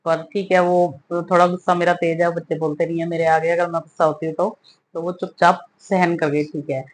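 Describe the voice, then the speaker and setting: A woman's voice: fairly low pitch, flat delivery, brisk. A middle-aged woman who is a mother, telling a casual, chatty home story as a vlogger and laughing often as she goes.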